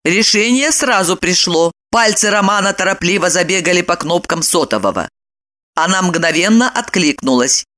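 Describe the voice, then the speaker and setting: A woman reading a novel aloud as an audiobook narrator, in an expressive, dramatic storytelling manner. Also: on the low side, normal speed.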